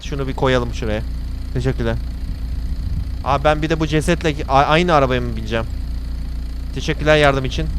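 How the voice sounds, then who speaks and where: A man's voice: on the high side, a little hiss or hum. A man commentating a horror game in a jokey way, reading its lines aloud and yelping when startled. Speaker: gaming channel host. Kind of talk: let's play commentary.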